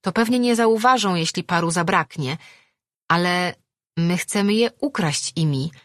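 A woman's voice: on the low side, measured pace, fairly bright tone, no echo, studio quality, voice pushed up. Woman doing a cheerful bold sea boy. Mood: doubtful. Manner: confident, teasing.

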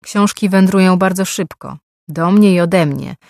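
A man's voice: high voice, measured pace, vocal fry, darkish tone, dry recording, studio quality. A woman voicing a sly, chatty older male pawnshop owner who talks in a slightly raised, boastful way.

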